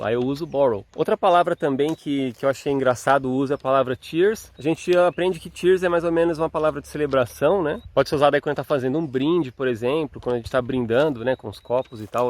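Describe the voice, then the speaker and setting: Fast-talking Brazilian man vlogging. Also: a little high. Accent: Brazilian Portuguese. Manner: chatty, explains step by step with frequent tag questions. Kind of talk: casual explanatory vlog.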